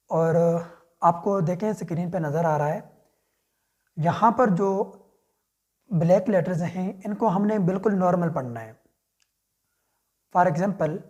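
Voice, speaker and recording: This is a man giving a screen-share lesson, talking at an unhurried, slow pace. His voice is soft and mellow, and he explains each step patiently. He drops English words in among the rest. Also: high-pitched. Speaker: Quran reading teacher.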